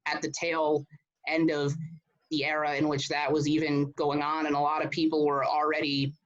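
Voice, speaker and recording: A man's voice: fairly high pitch, completely flat delivery, moderate pace, over a noisy crowd. A man in his thirties from Connecticut, talking casually as an interview guest, often restarting and repeating words. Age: 30s. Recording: dull, muffled sound.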